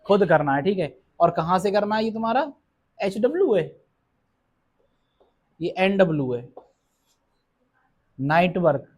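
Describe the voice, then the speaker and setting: A male physics teacher giving a classroom lecture, asking the class questions and answering them himself, reading numbers out slowly and often checking in with a quick okay. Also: high voice, big pitch swings, darkish tone. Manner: reads numbers out slowly and deliberately. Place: classroom with students present.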